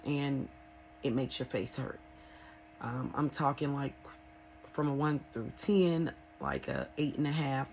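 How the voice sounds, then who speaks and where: Woman just chatting to her vlog, candid n kinda rambly, pauses to think, bit of background noise. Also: deep voice, low-quality recording. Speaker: vlogger sharing a recovery experience. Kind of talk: casual, unscripted personal vlog talk.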